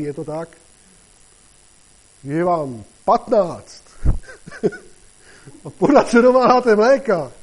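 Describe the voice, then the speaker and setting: A man delivers an informal sermon in a slightly high voice with a dark, mellow tone. He talks conversationally and keeps checking in with his listeners. When he reads scripture, his voice rises and grows louder. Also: poor audio. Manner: conversational, constantly asks "jo?" and "že jo?"; rises in pitch and loudness when reading scripture. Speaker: preacher. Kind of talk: casual sermon.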